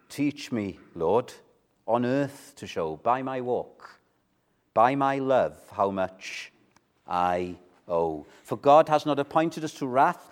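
Male preacher, pulpit mic, slow and earnest, rises loud then falls quiet. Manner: earnest, swelling to loud emphasis then dropping low. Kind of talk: evening sermon. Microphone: pulpit microphone.

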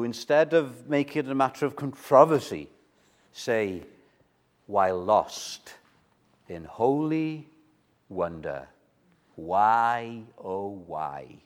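At a pulpit microphone, a man preaches an evening sermon with earnest conviction. His voice swells to loud emphasis, then drops low.

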